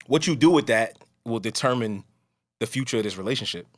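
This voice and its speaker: Animated and brisk, this medium-pitched podcast host chats casually in a strong voice. He rambles loosely and often restarts his sentences partway through.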